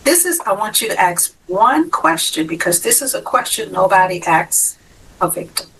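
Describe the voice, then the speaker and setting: A middle-aged woman, a guest and survivor advocate, telling her story in an interview with animated, emphatic delivery. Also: mid-range voice, normal speed, slight background noise, rough recording. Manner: animated, acts out dialogue, emphatic.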